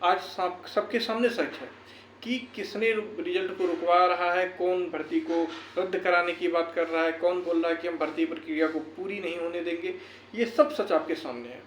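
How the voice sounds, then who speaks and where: A male YouTuber and educator gives a motivational talk, urging viewers on earnestly and repeating phrases for emphasis. His voice sits high with fairly even intonation, a bit bright, at normal speed, recorded in an echoey room with faint background noise.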